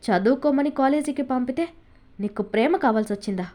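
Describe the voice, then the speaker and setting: Sneering cruel aunt, read by a woman, sarcastic, harsh, high voice. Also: brisk, mellow, natural voice. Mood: contemptuous rage.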